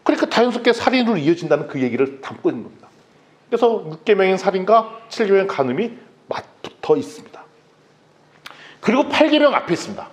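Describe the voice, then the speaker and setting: A man preaching a sermon as pastor, telling stories and acting out quoted dialogue. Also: sits high. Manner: lively storytelling, acts out quoted dialogue.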